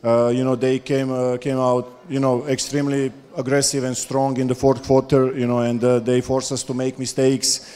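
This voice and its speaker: A man's voice: mid-range voice, level tone, normal speed, hardly any pauses, mellow. A visiting basketball coach, a man, answering postgame questions on stage, with many fillers and restarts. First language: Serbian. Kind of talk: postgame press talk. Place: stage in a large dark hall. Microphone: handheld mic. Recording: long hall reverb.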